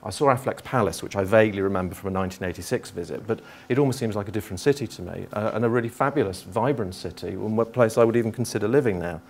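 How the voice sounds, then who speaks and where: A man's voice: fairly low pitch, rapid-fire, hardly any pauses, darkish tone. A middle-aged man from Liverpool giving a conference talk to geography teachers in a lecture theatre, thinking aloud with frequent restarts. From Liverpool, England.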